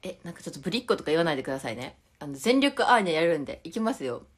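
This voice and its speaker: A woman's voice: on the low side, very animated, rapid-fire. Giggly young woman with a Tokushima accent. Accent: Tokushima dialect. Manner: giggly, reads viewer comments aloud, chatty. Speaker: idol livestreamer. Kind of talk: casual live-stream chat with viewers.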